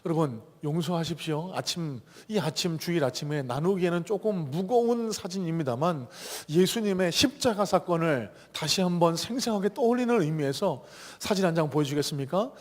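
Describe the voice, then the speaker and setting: A male pastor preaching a sermon with passion, moving between hushed whispers and loud, pleading appeals to the congregation. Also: a little high, lively intonation, normal speed, hardly any pauses, in a large hall. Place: church sanctuary.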